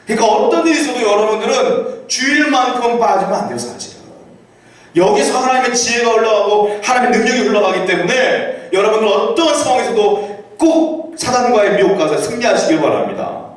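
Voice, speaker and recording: Male pastor, high voice, conversational preaching with rhetorical questions, scripture read slowly, heard from a distance in a very echoey church hall. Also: lively intonation. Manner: reads scripture aloud slowly and deliberately. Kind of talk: sermon. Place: church sanctuary.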